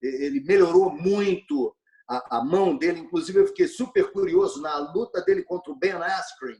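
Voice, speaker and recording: A man's voice: on the high side, lively intonation, moderate pace, darkish tone. A Brazilian man as an interview guest, talking animatedly, repeating words and often asking "entendeu?". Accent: Brazilian Portuguese. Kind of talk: casual interview chat.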